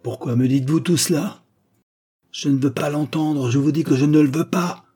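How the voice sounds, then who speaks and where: A man's voice: mid-range voice, normal speed, dark tone, slightly rough, close to an everyday voice. A man voicing a bitter, grieving male doctor who lashes out indignantly, hammering each word. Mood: furious, contemptuous.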